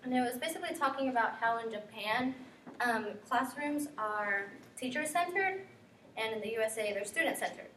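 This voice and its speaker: A young woman from guatemala talks through a class presentation, earnest and sprinkled with ums. her voice sits a little high and comes from across an echoey classroom. faint background hiss. recorded from far off. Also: expressive, normal speed, fairly bright tone. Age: young adult. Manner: earnest, filler-heavy with frequent ums and likes. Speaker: student presenter.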